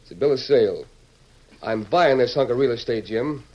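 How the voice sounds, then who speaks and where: An actor playing a scheming, bossy outlaw boss who taunts in folksy western slang, in old-time radio style. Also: male voice, medium pitch, lively intonation, moderate pace, close to an everyday voice. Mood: smug threatening. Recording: dull, hissy old radio recording with clicks.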